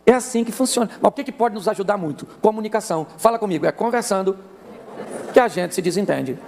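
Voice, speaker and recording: A Brazilian male pastor preaches with a high, gravelly voice. He tells jokey stories and keeps an animated, playful delivery throughout. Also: fast, a little hiss or hum. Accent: Brazilian Portuguese. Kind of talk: humorous sermon.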